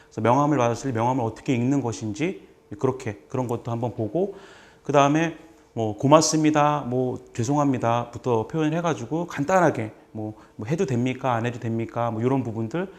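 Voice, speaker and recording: Male lecturer, mid-pitched, chatty and joking, drills phrases with a live class. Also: fairly quick. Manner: chatty, joking, repeats phrases for students to follow. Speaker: lecturer teaching basic Russian. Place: seminar room with a live audience.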